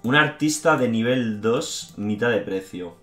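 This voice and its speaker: A man's voice: mid-range voice, animated, unhurried, bright, forceful tone, reverberant, faint music behind. A man from Spain commentating his strategy game with frequent swearing and repeated "tío", speaking in a frustrated, fed-up manner. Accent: Spain Spanish. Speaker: gaming YouTuber. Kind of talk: gameplay commentary.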